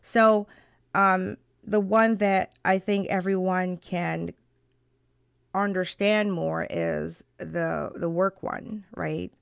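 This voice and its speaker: Brief: woman co-host, casual live-stream chat, low gravelly voice, dry close sound, laughs a lot. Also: takes it slowly, dry recording. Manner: animated and laughing, many restarts.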